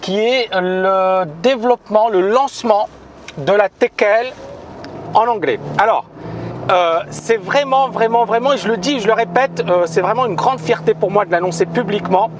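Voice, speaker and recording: A man whose voice sits high speaks at a moderate pace against slight background noise. As the founder of a trading school, he delivers an emphatic announcement to video viewers, frequently repeating phrases and hesitating.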